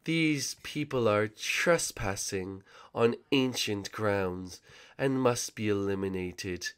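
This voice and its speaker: Man as a game mermaid queen, low, soft, slow, seductive, commanding. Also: clear, resonant tone. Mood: imperious.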